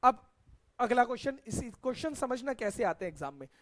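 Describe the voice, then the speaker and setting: A man's voice: very high-pitched, very animated, a little fast, a bit bright, slight background noise. A middle-aged man teaching a science class, asking his students questions and repeating the key answers back to them.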